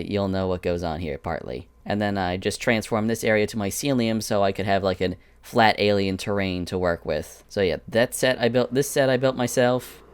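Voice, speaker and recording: A man with a lowish, smooth, resonant voice gives a relaxed screen-recorded tour of his builds. The recording is dry and close, with no room around him. He talks in a chatty way and wanders off into little asides. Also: no room sound. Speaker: animator showing his Minecraft prop world. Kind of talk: casual screen-recorded walkthrough.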